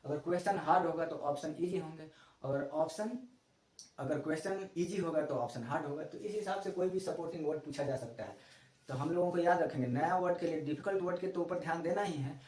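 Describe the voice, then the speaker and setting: Male vocabulary teacher, middle-aged, fairly high, mellow voice, recorded from a distance in an echoey room, repeats and spells out words. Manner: explains word by word, spells words out letter by letter, repeats key terms. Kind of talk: Hindi classroom lecture mixed with English terms.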